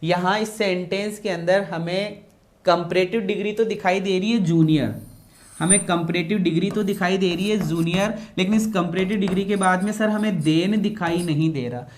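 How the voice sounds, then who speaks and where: A man's voice: high voice, moderate pace. A man teaching English grammar in a classroom lecture, repeating key phrases and quizzing his students.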